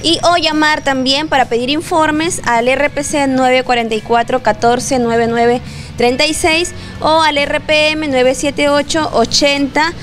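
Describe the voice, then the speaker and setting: A woman's voice: high voice, fairly even intonation, fairly bright tone, soft background music. A young woman with a Peruvian Spanish accent, interviewed on camera with a handheld mic, explaining a program step by step. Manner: informative, slows to read out phone numbers. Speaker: program coordinator. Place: indoors in front of a station logo wall. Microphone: handheld station mic.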